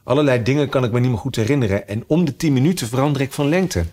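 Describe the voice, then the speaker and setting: A man's voice: medium pitch, very fast, a little mellow, voice pushed up, lightly acted. A man voicing a shy, very polite, confused young girl in a storybook reading. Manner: timid and very polite.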